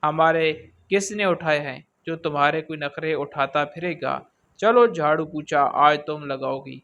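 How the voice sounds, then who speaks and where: A man's voice: on the high side, creaky, fairly bright tone, dull audio. A man voicing a domineering young woman, a scheming sister-in-law in a storybook reading. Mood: harsh. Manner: domineering, scolding.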